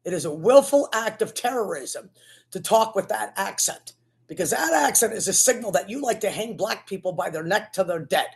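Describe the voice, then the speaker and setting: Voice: mid-range voice, animated, normal speed, creaky. A commentator giving an impassioned, sermon-like political rant in an accusatory, repetitive, preachy manner.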